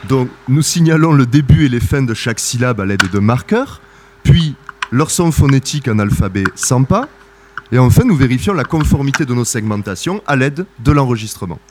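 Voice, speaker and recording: Male researcher giving a methodical academic presentation, steady and careful, with frequent hesitations. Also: medium pitch, moderate pace, background noise. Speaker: researcher presenting his work.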